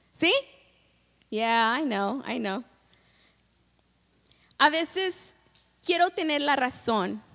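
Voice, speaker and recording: A woman's voice: high voice, fairly bright tone, big-room sound. A woman preacher giving a bilingual sermon, switching between Spanish and English, asking the congregation questions and acting out scenes with quoted voices. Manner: asks the congregation frequent questions. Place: church sanctuary.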